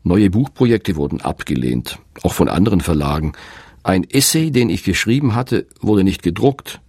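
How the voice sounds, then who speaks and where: Deep-voiced man with lively, reflective narration. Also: moderate pace, husky, dry recording, clean studio sound. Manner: reflective, candid and self-deprecating. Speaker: author and feature narrator. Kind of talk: scripted narration.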